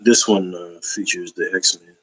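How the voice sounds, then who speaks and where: A man's voice: low-pitched, steady tone, unhurried, a bit bright, rough recording. A man in a casual, rambling collector's video, talking loosely with slang and plenty of fillers as he shows his finds. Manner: laid-back, slangy, rambling with many fillers. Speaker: comic book collector showing a haul. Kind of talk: casual haul video chat.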